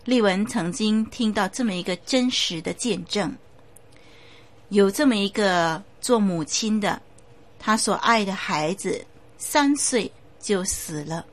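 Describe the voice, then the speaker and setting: Brief: a woman preacher telling a sermon story, steady and emphatic, with occasional fillers. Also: mid-range voice, takes it slowly.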